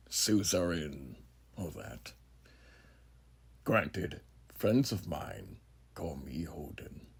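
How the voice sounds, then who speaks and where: A man playing a menacingly genial, philosophizing frontier judge in a horror audio roleplay, speaking grandly and theatrically with a gravelly voice. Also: low-pitched, heavily acted. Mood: pompous, probing. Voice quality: gravelly, husky. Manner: grandiloquent, unhurried, theatrical, with dramatic pauses. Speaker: voice actor.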